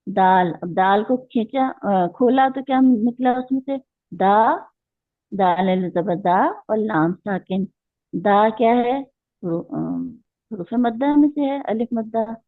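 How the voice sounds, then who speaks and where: A woman with a fairly high-pitched voice teaches an online Quran recitation class, patiently explaining the rules step by step and quizzing her students. There's no room sound, but the line is tinny and phone-like.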